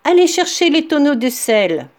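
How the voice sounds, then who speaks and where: Bossy thieving captain from a fairy tale, loud and lively; woman reader puts him on. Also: high voice, normal speed, voice pushed up. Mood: commanding.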